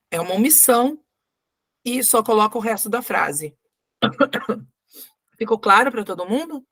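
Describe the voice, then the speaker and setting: A woman's voice: medium pitch, no room sound, studio quality. A Brazilian woman teaching a grammar lesson who goes step by step, reads example sentences aloud and often checks whether her students are following. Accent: Brazilian Portuguese. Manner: patient, explains step by step and checks understanding.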